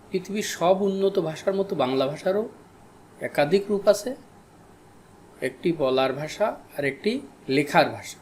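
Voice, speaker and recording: Slow, deliberate male teacher from Bangladesh. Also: on the high side, darkish tone. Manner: slow, repeats key terms for students. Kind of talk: recorded classroom lesson.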